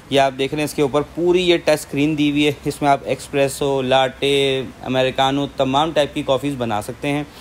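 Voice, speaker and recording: A man's voice: medium pitch, a little hiss or hum. Chatty salesman in a showroom. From Pakistan. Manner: chatty salesman, mixes in English phrases. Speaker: appliance shop presenter. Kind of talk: product demonstration. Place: large indoor appliance showroom.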